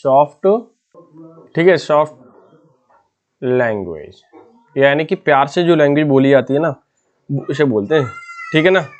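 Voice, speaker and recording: A man's voice: a little high, expressive, a little slow, long pauses, lo-fi sound. A man teaching exam vocabulary in an easygoing way, patiently explaining each word and checking in with his students again and again. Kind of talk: exam-prep lesson in casual Hindi.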